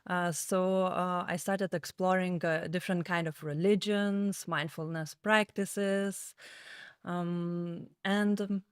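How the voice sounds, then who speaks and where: A woman in her thirties with a Lithuanian accent, hosting a casual podcast and talking calmly, with many small pauses and fillers. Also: lowish voice, clean tone, dry recording, clean studio sound. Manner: calm, halting, with frequent fillers. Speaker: podcast host.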